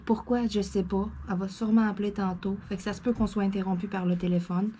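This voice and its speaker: A woman's voice: mid-range voice, fairly even intonation, fast talker, warm tone, a little hiss or hum. A woman with a Québécois French accent chatting to camera from her home desk, playful and rambling, with lots of fillers and laughs. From Quebec. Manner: often laughs and talks to her cat. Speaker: crafting vlogger. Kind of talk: casual chat to camera.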